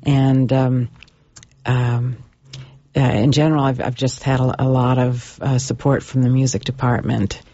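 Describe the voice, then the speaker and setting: A woman's voice: a bass voice, flat delivery, unhurried, mellow, dry recording. Hesitant woman instructor, dry lo-fi sound. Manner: hesitant, many ums. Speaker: university instructor. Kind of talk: radio interview.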